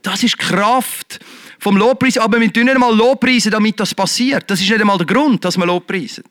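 A man preaching a lively sermon, shifting between loud exhortation and quiet, earnest talk. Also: high voice, fairly quick, dry recording. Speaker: pastor.

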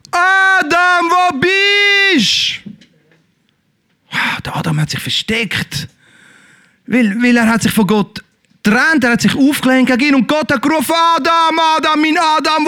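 Fervent preacher, high voice. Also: male voice. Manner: fervent, exclaims praise, addresses the congregation directly. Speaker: pastor. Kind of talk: sermon.

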